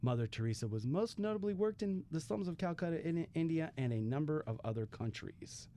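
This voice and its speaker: A man's voice: fairly high pitch, animated, fairly quick, mellow. A man co-hosting a radio show in a studio, teasing his co-hosts and laughing often. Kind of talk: casual radio banter.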